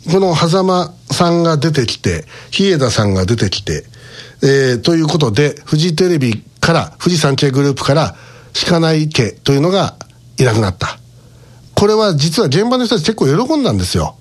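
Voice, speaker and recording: A man's voice: on the high side, sing-song, normal speed. A middle-aged man, a radio show host, telling a story in a casual monologue and chuckling between points.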